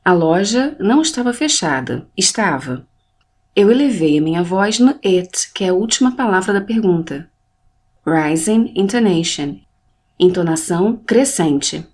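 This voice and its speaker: Clear, deliberate woman teaching English. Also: lowish voice, darkish tone. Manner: clear, deliberate, models English phrases then translates them. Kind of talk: scripted language lesson narration.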